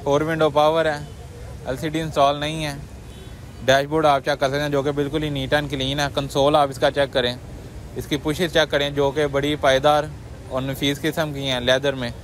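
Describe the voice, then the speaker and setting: A man hosting a car market walkaround, describing cars in brisk salesman-like patter and interviewing sellers on a handheld mic outdoors. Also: on the high side, flat delivery. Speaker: host presenting cars at a market. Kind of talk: walkaround commentary and street interviews. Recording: outdoor street noise behind.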